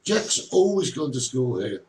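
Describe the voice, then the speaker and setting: A man's voice: medium pitch, sing-song, a little slow. A middle-aged man co-hosting a casual live-stream chat, joking and reading out viewer comments. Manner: chatty, jokey, reads out viewer comments. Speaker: co-host of a live social media chat. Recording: distant mic with faint background noise.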